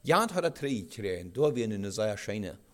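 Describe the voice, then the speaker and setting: A man preaching a sermon in a halting way, with restarts and rhetorical questions. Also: lowish voice, big pitch swings.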